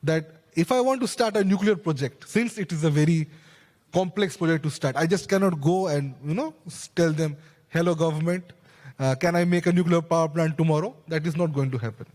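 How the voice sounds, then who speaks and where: A man's voice: fairly high pitch, a little fast, a little mellow. A young man speaking earnestly as a panel speaker at a conference, holding a handheld mic and explaining at length. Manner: earnest, explanatory, with restarts and asides. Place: large conference stage hall. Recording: long hall reverb.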